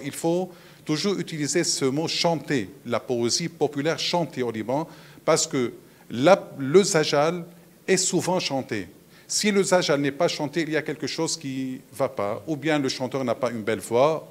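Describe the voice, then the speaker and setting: Hesitant man explaining music. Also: medium pitch. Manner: explanatory, frequent hesitations and "alors". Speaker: musicologist on a panel. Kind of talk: round-table lecture talk.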